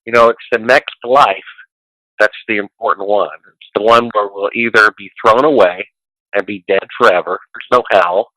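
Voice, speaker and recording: Guy with a lowish voice, bright forceful tone, preachy and rambling, kinda dry sound. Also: fairly even intonation, moderate pace, no echo, low-quality recording. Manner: preachy, rambling, quotes scripture. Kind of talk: casual conversation.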